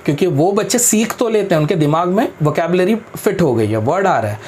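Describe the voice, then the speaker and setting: A man's voice: sits high, animated, a little fast, a little mellow, slight background noise. Firm, practical man in an interview. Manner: firm, practical, mixes English into Hindi; addresses interviewer respectfully as sir. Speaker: guest speaker on careers. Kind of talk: explanatory interview talk.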